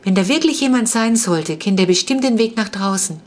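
A woman's voice: medium pitch, expressive, a little fast, lightly acted. Woman doing grumpy bold boy. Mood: steady. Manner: gruff, snapping. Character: boy, bold but grumpy older brother.

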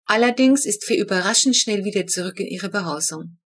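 Female narrator for a kids' audiobook, lively, clear delivery. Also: mid-range voice, brisk. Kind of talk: scripted narration.

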